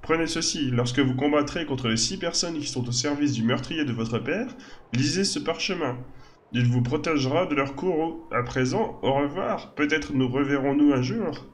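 A man's voice: a little high, moderate pace, slight background noise, voice pushed up, lightly acted. A man voicing an elderly gnome astrologer in a video game, formal, earnest and a little theatrical. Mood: solemn.

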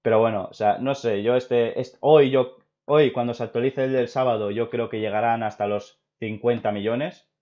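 A young man from Spain with a Spain Spanish accent, hosting a casual opinion chat and rambling excitedly with many restarts. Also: mid-range voice, moderate pace. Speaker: video host. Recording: dull lo-fi recording.

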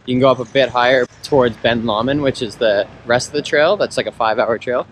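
A man's voice: medium pitch, fast talker. A young man chatting casually to a handheld camera by a roadside, rating a hike for a travel vlog. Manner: easygoing, upbeat, laid-back fillers. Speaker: travel vlogger. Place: outdoors by a roadside. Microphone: action camera held at arm's length. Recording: camera mic with outdoor noise.

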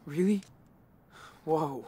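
An actor playing a caring, subdued teenage older brother in a naturalistic video game. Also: male voice, on the high side, drawn-out words, dark tone, breathy edge, exaggerated voice. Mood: grateful. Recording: game audio with faint ambient noise.

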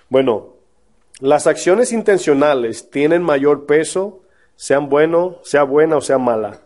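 A man pastor teaching a Bible study to a live audience, talking in a relaxed, conversational way and often checking in with his listeners with questions. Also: a little high.

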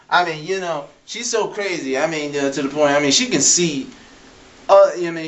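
A man hosting his own vlog in a comedic, rambling rant, profane and animated, full of "I mean" and "you know" fillers. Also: fairly high pitch, far from the mic. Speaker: vlog host.

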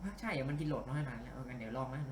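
A man giving casual let's-play commentary, animated and grumbling and cursing at the game as he plays. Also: medium pitch, racing, roomy sound, a little hiss or hum. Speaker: game streamer.

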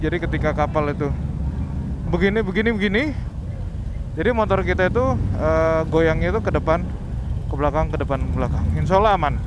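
A man, casually narrating his motorcycle trip from a port and ferry deck into a helmet camera, with lots of "eh" fillers. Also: high voice. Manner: chatty, explains tips with filler "eh". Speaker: motovlogger. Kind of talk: casual travel vlog commentary. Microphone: helmet or selfie action camera. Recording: loud engine and wind noise.

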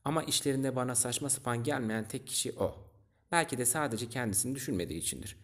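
A man reading aloud, voicing a curious, gentle young boy prince from a storybook who asks earnest questions. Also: mid-range voice, animated, fast talker, natural voice.

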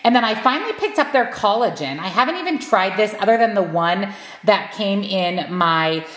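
A woman's voice: medium pitch, animated, moderate pace, a bit bright, no room sound, rough recording. Chatty upbeat woman vlogging. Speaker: lifestyle vlogger. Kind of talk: casual vlog narration.

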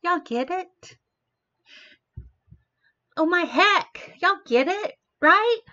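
A woman hosting a reaction video, slowly explaining the wordplay of a song line by line. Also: very high-pitched, expressive, noisy background. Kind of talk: casual commentary. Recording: dull lo-fi audio.

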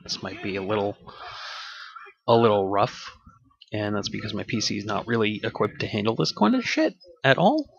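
A man with a lowish, slightly bright voice and vocal fry hosts a gaming channel, rambling offhandedly over gameplay with lively intonation, a moderate pace, and casual swearing. His desk mic picks up bleed from the game audio, and the home recording sounds dull and dry.

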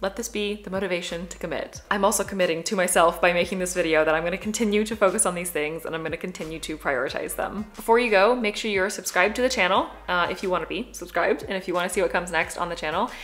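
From a living room sofa, a young Midwestern vlogger chats to her camera, upbeat and gesturing as she goes. She talks quickly in a slightly low voice for a woman, staying relaxed and conversational the whole way.

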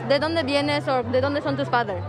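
A teenage girl interviewing fellow students, chatty and quick to laugh. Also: high voice. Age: teens. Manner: chatty, laughing, halting mid-question. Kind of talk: casual street interviews. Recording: music and crowd behind.

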